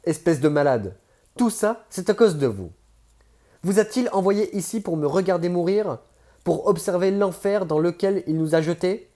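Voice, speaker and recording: A man's voice: fairly high pitch, very animated, unhurried, dark tone, husky, pitched above the performer's own voice, full character voice. A man reading an audiobook voices a wounded, dying man, gasping and bitter. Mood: desperate.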